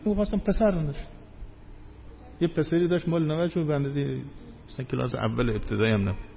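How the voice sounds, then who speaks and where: A man delivers a sermon in a slightly high voice, building his points with rising and falling emphasis. The recording sounds dull and lo-fi, with faint ambient noise behind him. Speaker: cleric.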